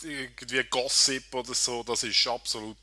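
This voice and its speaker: A man's voice: mid-range voice, steady tone, moderate pace, a crowd in the background. A man with a Swiss German accent, chatting on a podcast and explaining things step by step. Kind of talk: casual podcast chat.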